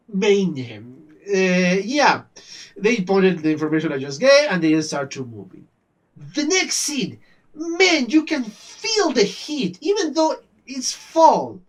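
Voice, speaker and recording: A man hosting an anime reaction video, recapping the episode in a chatty, animated way with frequent "uh" fillers. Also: high voice, far from the mic.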